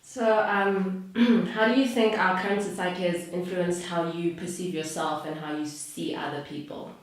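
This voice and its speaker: A woman's voice: on the low side, steady tone, moderate pace. A woman with a South African accent, asking interview questions in a friendly, playful way. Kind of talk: casual interview. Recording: very echoey room, speaking from far off.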